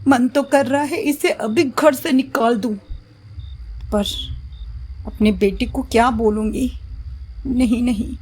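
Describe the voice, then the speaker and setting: A woman's voice: fairly high pitch, slow, pauses often, darkish tone, breathy edge, voice pushed up. A woman voicing a fussy, watchful mother-in-law in a storybook, suspicious and particular about cleanliness. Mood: disgusted. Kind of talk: storybook voice acting.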